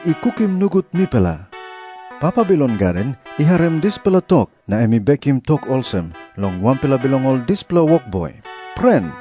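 A man with a Papua New Guinean accent giving an expressive scripted Bible reading. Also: on the high side. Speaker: Bible reader voicing Jesus's parable.

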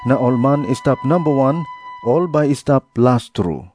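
A man with a Papua New Guinean accent giving an expressive scripted Bible reading. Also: mid-range voice, unhurried. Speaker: Bible reader voicing Jesus's parable.

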